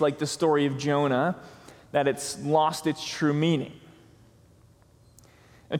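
A man preaching a sermon as pastor, slow and deliberate, pausing for emphasis on key words. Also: on the high side. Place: church sanctuary. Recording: long reverb of a church hall.

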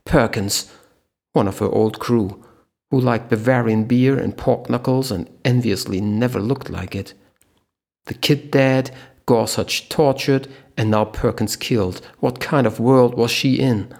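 A man reading a thriller aloud in steady audiobook narration. His voice is low and gravelly, with a husky grain.

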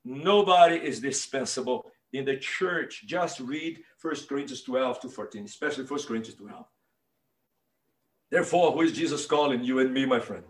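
A man's voice: mid-range voice, moderate pace, roomy sound. A man from Brazil with a Brazilian Portuguese accent and Portuguese as his first language, preaching a sermon emphatically and speaking straight to his listeners. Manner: emphatic, building to impassioned shouts, direct address to listeners. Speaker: pastor.

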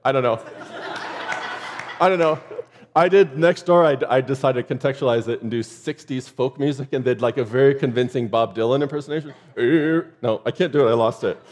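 A man's voice: medium pitch, brisk, a little mellow. Joking, conversational male preacher. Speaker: pastor. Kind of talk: sermon. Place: church.

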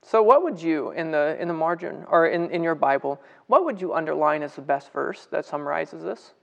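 A man teaching Scripture in a relaxed livestream, his voice sitting a little high with a gravelly rasp underneath. He talks conversationally, greets viewers by name and keeps posing questions to them. The tone is friendly and unpolished, like a group study rather than a pulpit. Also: normal speed. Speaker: Bible study leader. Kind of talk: casual livestream Bible teaching.

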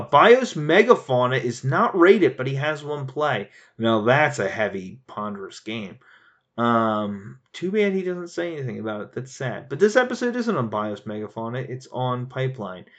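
A man chatting casually as a board game reviewer, animated and laughing, rambling with frequent restarts. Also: mid-range voice, lo-fi sound. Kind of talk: casual chat.

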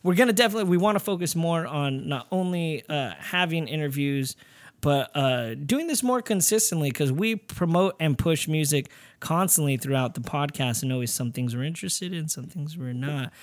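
Male podcast host, talkative, stumbling restarts, somewhat high voice. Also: lively intonation. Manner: chatty, halting, with many restarts. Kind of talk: casual podcast interview.

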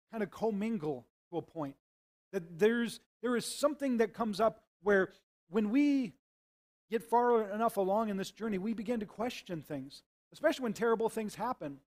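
High-voiced man preaching a sermon. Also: darkish tone. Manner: earnest, conversational preaching. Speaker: pastor. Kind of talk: sermon with prayer and scripture reading.

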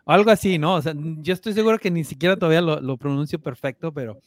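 A man's voice: a little high, fast talker, no echo. Mexican man telling stories, dry sound. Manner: lively storyteller, repeats words while thinking. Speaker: guest, opera tenor. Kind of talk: casual interview chat.

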